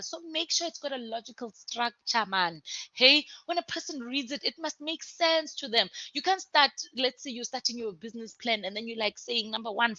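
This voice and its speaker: A woman lecturer going through course material in a conversational, emphatic way, with lively asides to her students. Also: fairly high pitch, dry recording, muffled recording. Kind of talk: recorded university lecture.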